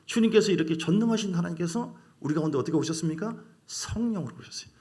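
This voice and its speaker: A male pastor preaches a sermon with a lively, swinging pitch that sits a little high for a man. He drives his points home emphatically and keeps throwing questions out to the congregation. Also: fast talker. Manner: emphatic, call-and-response with congregation.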